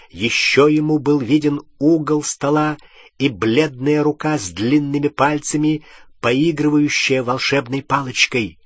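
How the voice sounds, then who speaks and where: Husky male audiobook narrator. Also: medium pitch, fairly bright tone, no echo, studio quality.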